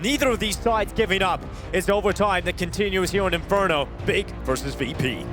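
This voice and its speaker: A man's voice: high voice, brisk, music in the background. A man working as an esports caster, calling live play-by-play in dramatic, punchy short phrases. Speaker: esports commentator. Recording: game gunfire and clicks behind voice. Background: game gunfire and clicks.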